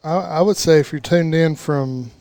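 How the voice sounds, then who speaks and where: Southern male co-host, slightly high voice, upbeat and halting. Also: warm tone, no room sound. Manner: upbeat, stumbles and restarts often. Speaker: podcast co-host. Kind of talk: casual podcast chat.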